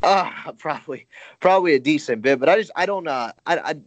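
A man's voice: a little high, lively intonation, fairly quick, no echo. A man chatting casually as a podcast co-host, rambling with many fillers and self-corrections. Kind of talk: casual baseball chat.

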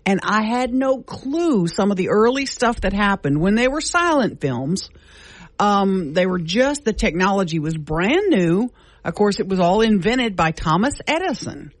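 A woman's voice: mid-range voice, sing-song, measured pace, dry recording. A woman co-hosting a radio talk show, chatting casually and telling stories while backing up her partner. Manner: chatty, affirming, storytelling. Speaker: radio co-host.

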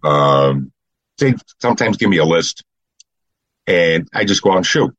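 Guest voice: older Chicago man, matter-of-fact, deep and dry-sounding. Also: lively intonation, a little slow, a bit bright, dry recording, lo-fi sound. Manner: plain, matter-of-fact storytelling. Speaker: guest, retired cop and photographer. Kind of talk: casual chat.

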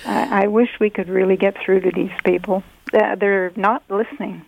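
A woman's voice: medium pitch, fairly even intonation, moderate pace, gravelly, a little hiss or hum. An older woman calling in to a radio show over the phone, blunt and exasperated. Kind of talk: call-in radio talk. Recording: dull phone line.

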